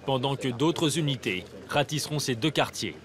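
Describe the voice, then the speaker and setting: A man narrating a documentary in a measured, matter-of-fact way. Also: mid-range voice, lively intonation, a crowd in the background. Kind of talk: scripted narration.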